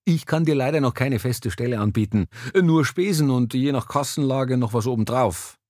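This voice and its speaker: A man's voice: mid-range voice, normal speed, a little mellow, no echo, studio quality, close to an everyday voice. A man reading aloud, voicing a jovial, persuasive male magazine editor who talks in a hearty, breezy way.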